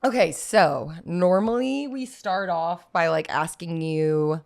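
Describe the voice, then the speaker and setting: Bubbly low-voiced young woman host. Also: slow pace, gravelly. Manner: bubbly, gushing, animated. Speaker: podcast host. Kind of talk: casual podcast chat.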